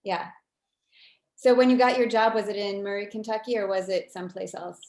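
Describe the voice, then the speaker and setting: A woman's voice: medium pitch, brisk, darkish tone. A woman in her forties hosting an interview over a video call, chatty and upbeat. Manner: chatty and upbeat, laughs often. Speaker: host, professor. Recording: roomy video call audio.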